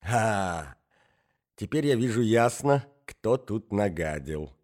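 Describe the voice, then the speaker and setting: A man's voice: fairly low pitch, expressive, slow, a little mellow. A man reading an audiobook, voicing a domineering provincial lady who scolds and shrieks in fury. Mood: furious.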